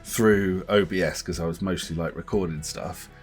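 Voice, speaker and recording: A man co-hosting a podcast, chatting casually about games, animated and laughing often as he talks. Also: low-pitched, moderate pace, soft background music. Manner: animated, laughs often, puts on voices to mimic others. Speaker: podcast co-host.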